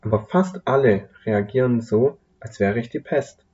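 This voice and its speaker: A man voicing a weary female figure who personifies Sadness, speaking hesitantly and softly in a slightly muffled recording. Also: mid-range voice, moderate pace, lightly acted. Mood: despondent. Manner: hesitant, despondent, quietly whispered.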